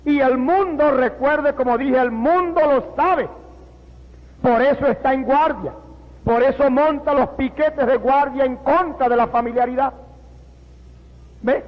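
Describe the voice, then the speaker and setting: Preacher guy, really high voice, keeps asking "right?", big echoey hall. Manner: emphatic, rhetorical questions, repeated amen. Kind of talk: sermon. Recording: dull sound with long hall reverb.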